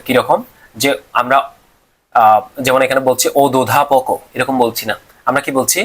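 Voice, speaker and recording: A man, teaching a class. He asks questions and answers them himself, and sounds out syllables slowly. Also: mid-range voice, fairly even intonation, fairly bright tone. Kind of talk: classroom lecture on pronunciation rules.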